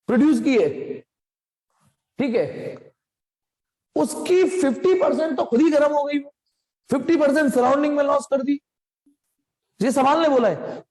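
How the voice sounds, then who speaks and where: A man's voice: very high voice, moderate pace, long pauses, darkish tone. A young man teaching physics, explaining a problem in a chatty, joking way, mixing in English phrases and imitating machine noises. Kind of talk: blackboard lesson explanation.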